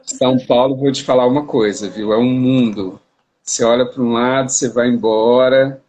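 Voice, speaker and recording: A man's voice: medium pitch, fairly even intonation, normal speed, darkish tone. Man, from Brazil, live-stream host, chatty with restarts, phone mic. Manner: chatty, repeats words and restarts. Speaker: interviewer hosting a live stream. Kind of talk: casual live-stream chat. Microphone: phone on a live video stream.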